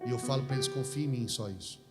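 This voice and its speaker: A man preaching a lively sermon, telling stories and acting out the dialogue. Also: medium pitch, fast, in a large hall, over music. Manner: animated storytelling, acts out dialogue.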